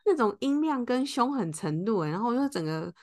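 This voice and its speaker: A woman co-hosting a podcast speaks a little high and a little fast. Telling a story in casual conversation, she gets animated and acts out the quotes of the people in it.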